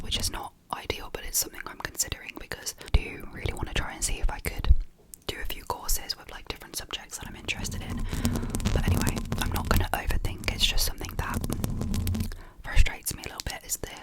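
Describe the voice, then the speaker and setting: Young ASMR creator, fully whispered, intimate and rambling, right on the mic. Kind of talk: whispered ASMR ramble, casual personal chat. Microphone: close mic.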